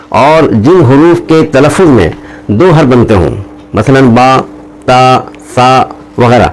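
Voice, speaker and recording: A man teaching how to pronounce Arabic letters, drawing out each letter slowly between explanations. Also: medium pitch, darkish tone, rough recording. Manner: slow, drawn-out letter recitation between explanations. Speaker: Quran teacher. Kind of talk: recorded teaching lesson.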